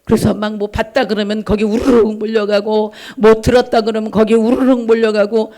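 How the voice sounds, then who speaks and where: A man's voice: high voice, flat delivery, moderate pace, darkish tone. A man preaching a sermon as pastor, emphatic, with questions to the congregation and acted-out voices in his stories. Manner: emphatic preaching, acts out the characters in his anecdotes.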